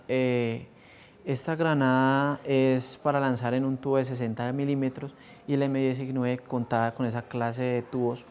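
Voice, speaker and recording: A man in a measured technical explanation, interviewed as a weapons expert. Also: medium pitch, clear, resonant tone.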